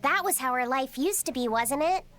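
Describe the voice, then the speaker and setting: Woman doing a super squeaky tiny fairy guy, cheeky, swoops up and down, drawls slow. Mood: teasing. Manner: squeaky, excitable and whiny. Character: tiny male fairy creature, cheeky and fussy, 150 years old. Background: game music.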